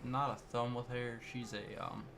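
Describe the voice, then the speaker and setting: A man's voice: mid-range voice, level tone, normal speed, vocal fry, noisy background. A young man co-hosting a podcast, dropping dry remarks in casual chat. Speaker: podcast co-host. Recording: music playing behind.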